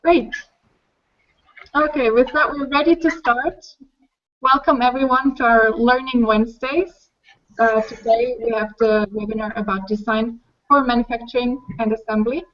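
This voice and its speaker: High-voiced woman hosting a webinar. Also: steady tone, normal speed. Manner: friendly and organized, calls on participants one by one. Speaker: webinar host. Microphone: video call. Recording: dull online call audio.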